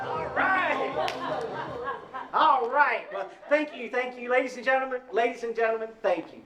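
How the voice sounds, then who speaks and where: A man's voice: very high-pitched, animated, moderate pace, pushed and bright, roomy sound, a faint crowd, heavily acted. An actor playing a folksy male lodge emcee welcoming members and announcing the evening's entertainment. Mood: hearty. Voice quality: folksy, showman-like. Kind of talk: radio drama acting.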